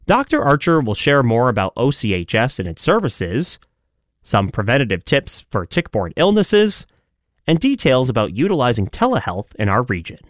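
Lively-voiced male radio host. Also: medium pitch, moderate pace, no echo, clean studio sound. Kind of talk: scripted intro then interview questions.

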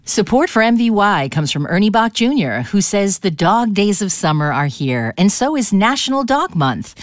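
Female announcer, mid pitch, lively intonation, dry studio sound, upbeat underwriting read. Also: dry recording. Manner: upbeat, lilting scripted read. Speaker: sponsor announcer.

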